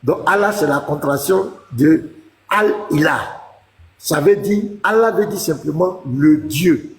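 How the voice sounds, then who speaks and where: A man's voice: on the high side, lively intonation, measured pace, roomy sound, long reverb tail. A man, a pastor, arguing in a heated religious debate, lecturing insistently and talking over the woman he debates. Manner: lecturing, insistent, talks over the other speaker.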